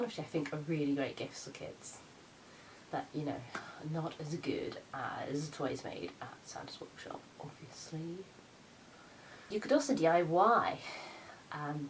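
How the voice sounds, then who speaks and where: Woman doing campy sassy santa's daughter vlog bit, kinda low voice, theatrical and full of herself, some noise behind. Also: rough recording. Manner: theatrical, sassy, self-important. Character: campy, boastful grown daughter of Santa Claus. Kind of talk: in-character comic gift-guide vlog.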